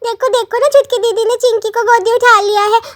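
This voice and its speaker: A woman's voice: very high-pitched, fairly even intonation, brisk, pitched above the performer's own voice. A woman voicing a small, tired little girl in a children's doll story, whiny and pleading.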